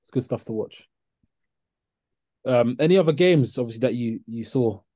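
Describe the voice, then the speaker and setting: A man's voice: mid-range voice, lively intonation, moderate pace, mellow, no echo, studio quality. A man with a London accent hosting a casual football chat. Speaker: podcast host.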